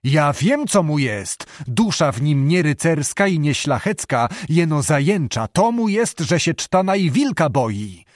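A man reading an audiobook, voicing a hot-tempered, domineering old abbot who blusters and shouts. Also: a little high, sing-song, slow pace, no echo, clean studio sound, heavily acted. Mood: angry.

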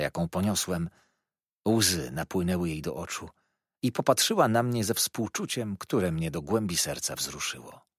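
Male narrator, low husky voice, lively intonation, dry close recording; classic first-person audiobook read. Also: dry recording. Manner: expressive, measured reading.

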